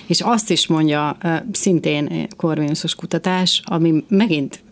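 A woman hosting a casual discussion, talking passionately and emphatically in quick bursts, a mother of two. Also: low-pitched.

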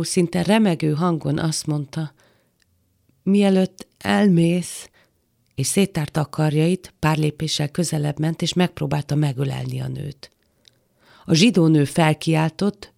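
Female narrator for literary audiobook, calm and measured, slight vocal fry. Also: sits low.

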